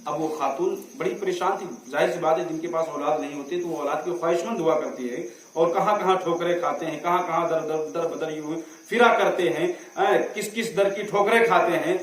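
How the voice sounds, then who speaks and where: A man preaching a sermon as a story, his voice rising to shouts at the climaxes, picked up through a stage microphone at a large religious gathering. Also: fairly high pitch. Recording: very echoey, far from mic.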